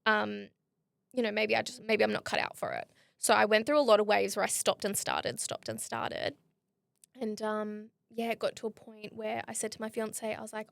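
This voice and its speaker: A woman hosting a podcast, telling stories in a lively way and acting out what people said to her. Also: mid-range voice, gravelly, no echo. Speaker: podcast host. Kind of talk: casual interview chat.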